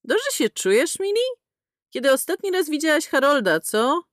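A woman's voice: high voice, very animated, normal speed, no room sound, studio quality, voice pushed up. A woman voicing a brash, foul-mouthed woman space pilot who talks in a crude, sarcastic, blunt way.

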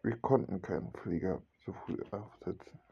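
A man's voice: sits low, normal speed, gravelly, dark tone, husky. A man narrating a homemade radio-play story, switching between narration and the characters' lines without strongly changing his voice. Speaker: hobby storyteller voicing every character. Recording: dull lo-fi home recording.

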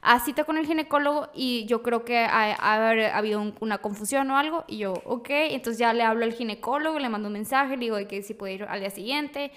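Young Mexican woman, high voice, lively guest storyteller who acts out quotes. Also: fairly quick, hardly any pauses. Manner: animated, acts out quoted voices, breaks into laughs. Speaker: podcast guest. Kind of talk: casual storytelling chat.

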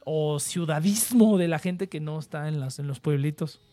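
A man's voice: a little high, moderate pace, warm tone. Slangy young Mexican man chatting. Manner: slangy, laid-back, laughing storyteller. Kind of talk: casual chat with friends.

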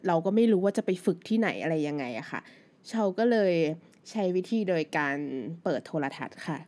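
A woman's voice: fairly low pitch, lively intonation, a little fast, a little mellow. Woman, thirties, native Thai speaker, podcast host, casual solo chat, rambling, lots of fillers. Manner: chatty, loose and conversational, with many fillers.

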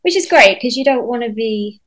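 A woman songwriter talking in a casual interview, chatty and lively, with lots of fillers and restarts and the odd casual swear word. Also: on the high side, moderate pace, poor audio.

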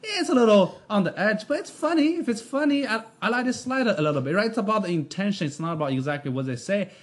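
A man's voice: high-pitched, expressive, quick pace. A man in a casual chat, talking emphatically and swearing freely as he rants. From United States. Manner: profane, emphatic, ranting.

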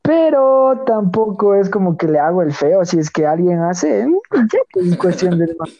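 A man's voice: high voice, expressive, normal speed, warm tone. A man, chatting casually and teasing as a podcast co-host. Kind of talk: casual chat. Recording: dull lo-fi audio.

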